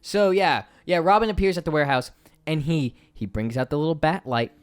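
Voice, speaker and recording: A man's voice: a little high, fairly quick, smooth. A man co-hosting a podcast, joking and swearing as he recaps an old film serial. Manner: animated, jokey, swears freely, laughs often. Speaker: podcast co-host. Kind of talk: casual comedic film recap chat.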